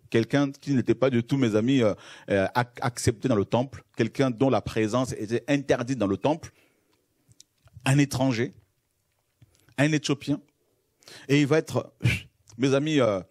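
A man's voice: mid-range voice, normal speed, pauses often, a little mellow, no room sound. Emphatic male preacher, dry close sound. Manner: emphatic, repeats key phrases; addresses listeners as friends. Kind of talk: sermon with Bible reading.

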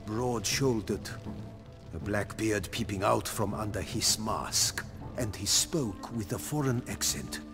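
An actor playing a loyal middle-aged former palace servant in a video game, deferential and eager to serve. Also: male voice, lowish voice. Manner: deferential and eager, drawn-out phrasing. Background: game music.

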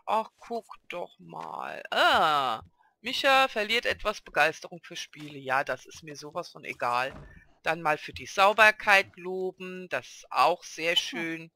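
A man's voice: on the high side, lively intonation, unhurried, creaky, sharp tone. A man hosting a casual Let's Play, chatting and talking fondly to the characters on screen. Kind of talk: casual gameplay commentary.

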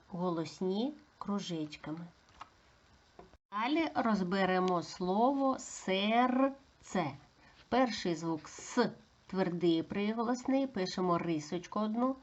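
Woman teacher for a preschool phonics lesson: very slow, patient delivery, sings out vowels, slightly dull recording. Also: mid-range voice, a little mellow. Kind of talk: slow, deliberate phonics lesson for small children.

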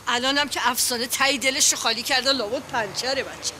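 A woman's voice: high-pitched, sharp tone, a little hiss or hum. An actress playing a protective, fussing aunt and mother who lectures in folksy sayings. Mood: lecturing. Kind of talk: Persian TV comedy series acting.

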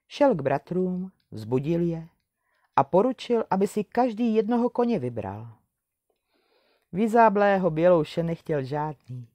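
A woman reads a classic fairy tale aloud, calm and measured. Her voice is low and mellow, and the recording is close and dry with no room sound. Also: no echo. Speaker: storyteller.

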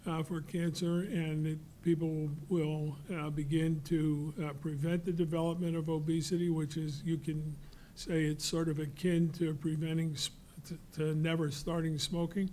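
An older man on a studio panel, explaining in a measured, halting way with many fillers. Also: a little high, little pitch movement, mellow, slight background noise. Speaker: cancer researcher on a panel. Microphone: desk mic.

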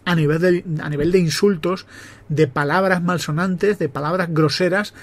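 A man from Spain with a Spain Spanish accent, hosting a podcast and telling personal stories from memory in a relaxed, conversational way, often correcting himself as he goes. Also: on the high side, normal speed. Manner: reminiscing, conversational, with self-corrections. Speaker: podcast host. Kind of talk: personal storytelling monologue.

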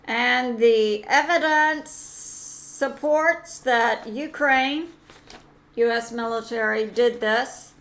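A woman hosts her own commentary channel and talks through the news alone. Her delivery is slow and halting, full of fillers and mid-sentence corrections. Her voice sits somewhat high for a woman. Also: a bit bright. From United States. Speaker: channel host.

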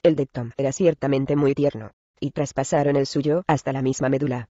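A man narrating a classic story in Spanish, in measured storytelling style, addressing the listeners as gentlemen. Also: medium pitch, steady tone, dry recording, lo-fi sound. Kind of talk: scripted narration.

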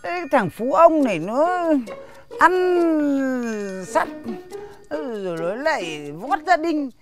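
A grumpy old village chief. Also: male voice, very high-pitched, big pitch swings, takes it slowly, faint music behind, heavily acted. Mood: gruff. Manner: bossy, scolding, full of grunts. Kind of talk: slapstick comedy film acting.

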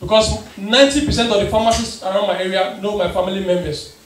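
A man's voice: high voice, fairly even intonation, fast, a little hiss or hum. A young man with a Ghanaian English accent doing a stand-up comedy set, telling stories, playing the people in them and slipping into pidgin. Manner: storytelling, acts out the people in his stories, mixes in pidgin. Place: live venue with an audience. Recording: echoey room, picked up from a distance.

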